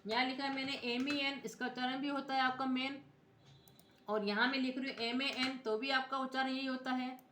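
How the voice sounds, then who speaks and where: A woman teaching computer software in speech, explaining each step and spelling out letters as she checks in with her viewers. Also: high-pitched, flat delivery, fairly quick, noisy background. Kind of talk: screen-recorded software tutorial. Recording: echoey room.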